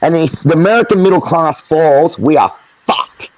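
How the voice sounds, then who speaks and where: A man's voice: fairly high pitch, animated, normal speed, a little mellow, no echo, muffled recording. An Australian man in a heated live chat, ranting angrily with lots of swearing. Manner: angry, profane, ranting.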